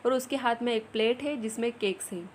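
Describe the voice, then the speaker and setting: A woman's voice: on the high side, fairly quick, a little hiss or hum. A woman teacher with an Indian English accent explaining a story step by step and asking the class questions. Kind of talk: explaining an English lesson in Hindi.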